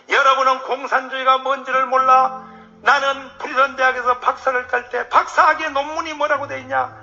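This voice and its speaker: A male pastor giving a fiery political sermon to a crowd, swinging from shouted outbursts to hushed asides. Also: very high-pitched, muffled recording.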